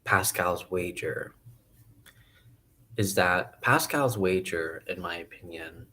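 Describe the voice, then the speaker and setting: A man musing casually to camera about philosophy, hesitant and thinking aloud with many pauses and restarts. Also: sits low, bright, forceful tone, slight background noise. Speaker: video essayist.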